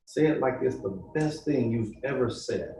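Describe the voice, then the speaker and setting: A man leads listeners through a guided meditation, speaking slowly and calmly at an ordinary pitch. He sits back from the microphone, and the room adds a roomy echo around his voice. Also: recorded from a distance. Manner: slow, calm, coaching listeners step by step. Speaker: pastor.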